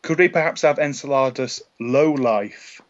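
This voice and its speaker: A man's voice: mid-range voice, a little slow, highs cut off. A man talking casually on a podcast, hesitant, with many fillers and restarts. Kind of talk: casual comics discussion.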